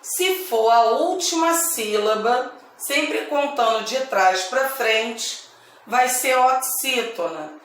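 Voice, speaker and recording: A woman teacher with a Brazilian accent giving a grammar lesson to children, speaking slowly and deliberately and repeating each word. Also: a little high, animated, a bit bright, recorded from a distance. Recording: echoey room, voice away from mic.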